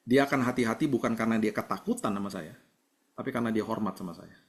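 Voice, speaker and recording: A man preaching a sermon over a video call, speaking gently and conversationally and mixing in English words. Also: lowish voice, quick pace. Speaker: pastor.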